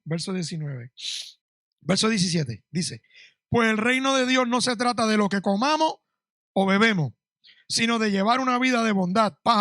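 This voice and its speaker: A man's voice: sits high, dry recording, clean studio sound. A middle-aged male pastor, preaching a sermon in church with emphatic rising bursts.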